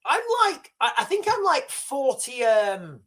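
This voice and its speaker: This livestream host is a man from the United Kingdom in his forties whose very high, slightly bright voice is highly animated though a little slow. He rambles casually, repeats himself and keeps calling viewers "guys."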